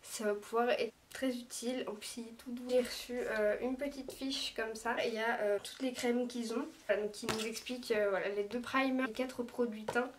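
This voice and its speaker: A woman with a slightly high voice chats her way through a makeup review, pausing and hesitating often. She sounds a little distant from the microphone, as if filming herself across a daylit room. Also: steady tone, a little hiss or hum. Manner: chatty, hesitant, lots of small pauses. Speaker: beauty vlogger. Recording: voice a bit far from the mic.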